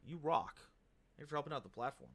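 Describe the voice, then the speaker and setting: A man's voice: fairly high pitch, lively intonation, fairly quick. A man hosting a casual livestream, upbeat and hype, who reads card text aloud. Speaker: streamer host.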